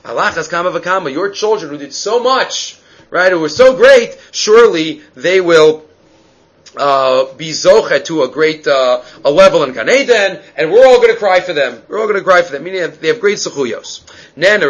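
A high-voiced man leads an informal religious lesson in an inflection. He moves between Hebrew source text and explanation, often repeating short phrases to drive a point in. The recording is a little dull and lo-fi. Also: fairly bright tone. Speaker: Talmud teacher.

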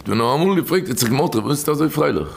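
Gravelly-voiced man giving a storytelling sermon. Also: animated, rapid-fire, a little hiss or hum. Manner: repetitive, emphatic, with sudden rises and drops in pitch.

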